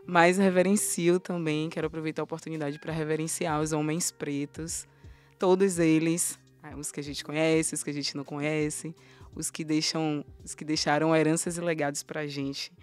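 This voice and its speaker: A woman hosting a podcast, speaking thoughtfully with frequent pauses and fillers. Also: low-pitched, little pitch movement, darkish tone, faint music behind. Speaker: podcast host. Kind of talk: casual podcast conversation.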